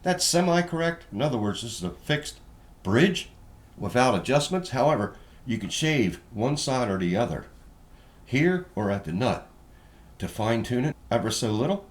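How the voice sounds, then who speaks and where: A man's voice: mid-range voice, very animated, moderate pace. A man casually walking through a guitar inspection in a plainspoken, folksy way, explaining each check step by step. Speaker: guitar reviewer. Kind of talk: casual hands-on product walkthrough.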